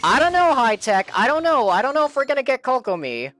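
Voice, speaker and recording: A man live streaming a game talks fast in a very high-pitched, slightly bright voice with big swings in pitch. His casual chat is playful and pleading, full of repetition.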